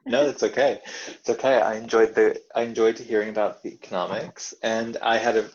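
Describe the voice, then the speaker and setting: Texan man, guest advice-giver, relaxed and good-humored, heard over a slightly muffled line. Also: on the low side, fairly quick. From Dallas, Texas. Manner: easygoing, laughs softly. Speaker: guest agony uncle. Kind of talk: casual chat.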